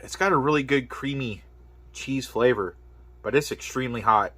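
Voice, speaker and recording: Man reviewing spicy noodles, bright voice. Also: medium pitch, moderate pace, husky. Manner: exclaiming between bites, hiccuping from spice. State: mouth burning from spicy food. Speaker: product reviewer. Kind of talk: casual food review vlog.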